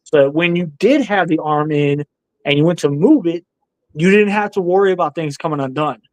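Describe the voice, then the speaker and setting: A stand-in co-host in a live discussion, this man speaks a little fast in a voice on the high side, chatting casually with frequent laughter and blunt opinions. The recording is dry and of low quality.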